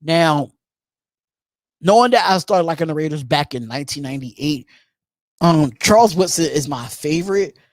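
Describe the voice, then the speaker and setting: A man in his thirties hosts a live call-in show alone, speaking casually, repeating phrases and stretching out long ums as he reads chat comments aloud. His voice sits on the high side and is expressive, with no room sound.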